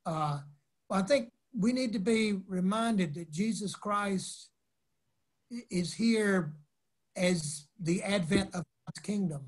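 A man's voice: sits high, slow. An older man, speaking over a video call, answers interview questions with wry energy. He keeps tripping and restarting his phrases. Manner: animated, wry, with frequent stammered restarts. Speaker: guest, former college chaplain.

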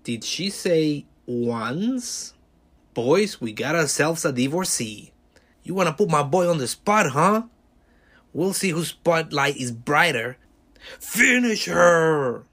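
A pint-sized male devil perches on a shoulder and eggs on trouble , put on by a man telling a story. He taunts loudly and gleefully, his voice pushed higher and louder than everyday talk. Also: lively intonation, takes it slowly, heavily acted. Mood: gleeful taunting. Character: mischievous little male devil egging him on.

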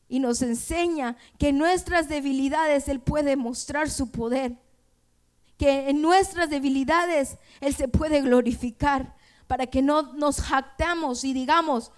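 A woman's voice: high-pitched, a little mellow, clear, resonant tone. A woman preaching a sermon in an earnest way, retelling scripture quoted dialogue and slipping in words.

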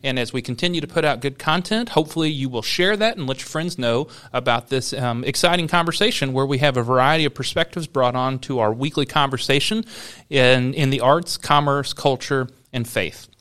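A man's voice: mid-range voice, a little fast, fairly bright tone. A man from Southeast Iowa hosting a podcast, opening with friendly, scripted-sounding introductions before interviewing his guest. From Southeast Iowa, USA. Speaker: podcast host.

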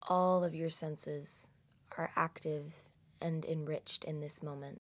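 A woman narrating a guided meditation slowly and soothingly, in a hushed delivery with long pauses. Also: deep voice, steady tone.

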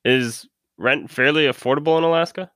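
A man's voice: on the high side, brisk, fairly bright tone, dry recording, clean studio sound. A man from Minnesota hosting a casual interview, asking questions in a laid-back way. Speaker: host.

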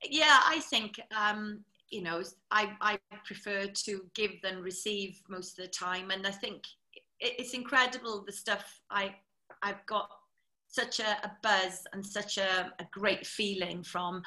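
A woman's voice: medium pitch, measured pace, poor audio. A woman, a TV presenter, chattily telling stories as an interview guest. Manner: chatty, lively storyteller. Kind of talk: anecdotal storytelling.

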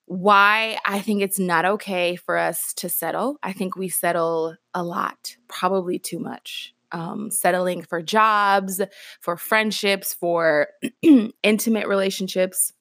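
A woman's voice: mid-range voice, a bit bright, no room sound. Casual woman podcast host, dry sound. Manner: conversational, reflective, many fillers and restarts. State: morning voice, clearing her throat. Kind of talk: casual solo podcast talk.

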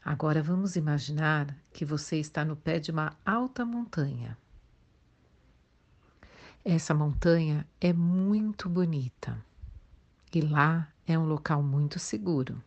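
A Brazilian woman leading a guided meditation in a soothing, gentle way, leaving long pauses. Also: low voice, highs cut off. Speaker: guided meditation instructor for children and teenagers.

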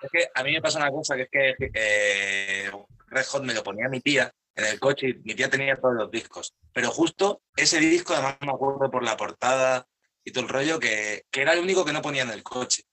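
A man chats loosely and casually, dropping in a little swearing. He talks fast, and his voice is bright. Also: medium pitch, poor audio. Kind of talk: casual chat.

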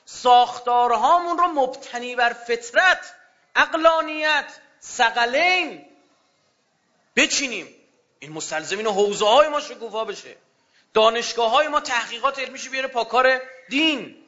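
Fervent high-voiced male preacher. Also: animated, lo-fi sound. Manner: fervent, swings between loud outbursts and hushed low passages. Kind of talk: impassioned religious sermon. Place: religious gathering.

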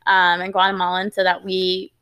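A woman's voice: lowish voice, monotone, moderate pace, pushed and bright, clean tone. Woman, 20s, podcast co-host, casual and talkative. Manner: chatty, leans on "you know" and "like". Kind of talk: casual chat.

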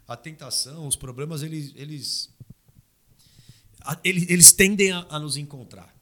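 A man talking casually into a studio microphone on a podcast, animated and pushing his pitch up when he makes a point. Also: normal speed. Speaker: podcast host.

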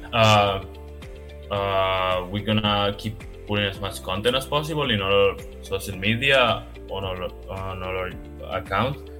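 A man co-hosting a podcast, chatting casually in a relaxed, rambling way. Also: low voice. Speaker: podcast co-host.

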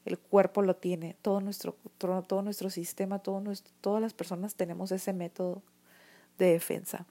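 A woman's voice: medium pitch, little pitch movement, moderate pace, dark tone. A woman with a Mexican accent telling her own story to camera in an earnest, emotional way, often restarting her sentences. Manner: earnest and emotional, many restarts and "o sea" fillers. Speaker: vlogger sharing her experience. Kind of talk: personal testimony talk to camera.

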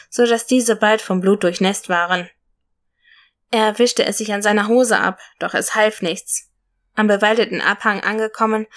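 Female storyteller, steady read-aloud fairy tale narration, mid-pitched voice.

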